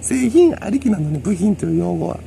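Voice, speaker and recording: A man's voice: sits high, lively intonation, a little fast, vocal fry, dark tone, a little hiss or hum. A man with a Kansai accent, rambling through a solo monologue in a lecturing way and chuckling to himself. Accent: Kansai Japanese. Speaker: solo commentator.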